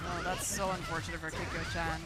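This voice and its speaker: A chatty fighting game co-commentator with a mid-range, androgynous voice talks casually over loud music. The reactions come with playful slang and mild exclamations. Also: mid-range voice, level tone, fairly quick, poor audio.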